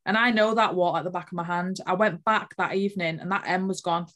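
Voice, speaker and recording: A woman's voice: fairly low pitch, fairly even intonation, fast, a bit bright. A woman earnestly telling a personal spiritual story as an interview guest, emotional and full of fillers.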